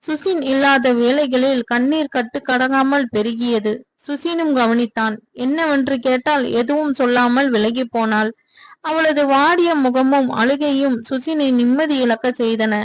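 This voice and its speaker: A woman storyteller reading a serial romance story in a steady, even way. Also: high voice, a little slow, low-quality recording. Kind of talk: scripted narration of a serial story.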